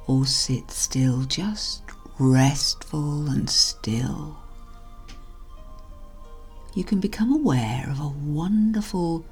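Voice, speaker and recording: A woman hypnotherapist narrating a guided relaxation in a soothing, hushed delivery that trails softly toward a whisper. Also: low-pitched, breathy edge. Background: music.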